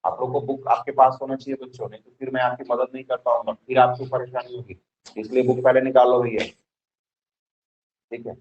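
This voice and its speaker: A man's voice: medium pitch, little pitch movement, brisk, darkish tone. Man teaching chemistry, lo-fi recording. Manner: repeats questions to the class, exhorting. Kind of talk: classroom lesson and pep talk. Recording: slightly dull lo-fi sound.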